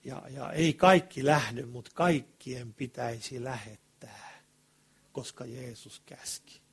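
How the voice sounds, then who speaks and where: A man preaching a sermon in colloquial speech, swinging between loud passionate bursts and hushed asides, with rhetorical questions to the congregation. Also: mid-range voice, steady tone, gravelly, husky.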